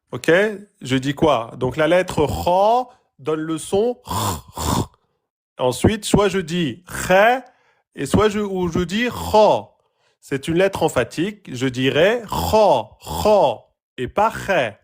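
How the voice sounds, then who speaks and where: A man leads a lesson at an unhurried pace, with a slightly raised voice. He stresses each sound and repeats it to drill the point. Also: a little high. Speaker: Quran recitation teacher. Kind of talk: classroom-style lesson.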